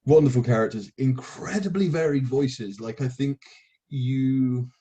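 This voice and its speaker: A man's voice: mid-range voice, a little slow, mellow. A young man hosting a casual chat about poetry. He rambles enthusiastically and swears casually. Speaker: podcast host. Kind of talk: casual conversation.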